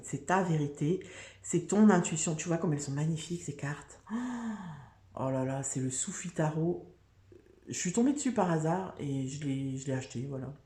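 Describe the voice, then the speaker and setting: A woman's voice: low-pitched, warm tone, roomy sound. A woman giving a casual, chatty tarot reading, full of fillers, restarts and "tu vois". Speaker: tarot reader.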